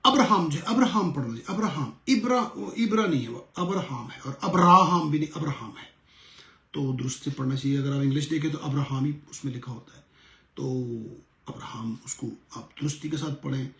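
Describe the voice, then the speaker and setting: Middle-aged male pastor, earnest teacher who drills words slowly; gravelly, roomy echo. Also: mid-range voice, a little mellow. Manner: earnest, repeats words slowly to show correct pronunciation. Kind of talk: sermon-style lesson.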